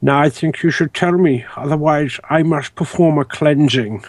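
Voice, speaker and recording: A man's voice: a little high, normal speed, no room sound, natural voice. A man voicing a solemn, menacing religious zealot in a tabletop game, ponderous as he pronounces judgement. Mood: solemn, threatening. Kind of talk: tabletop role-play.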